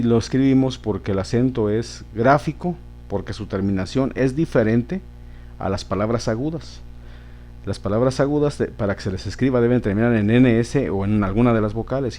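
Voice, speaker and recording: A man's voice: medium pitch, mellow. A man teaching a grammar lesson, patiently repeating words and checking in with his listeners.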